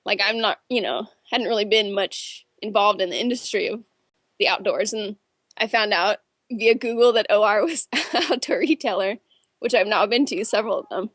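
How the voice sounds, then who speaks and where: A woman's voice: medium pitch, moderate pace, a bit bright, no room sound, studio quality. A young woman, a film director, answering interview questions in a chatty storytelling way with many fillers.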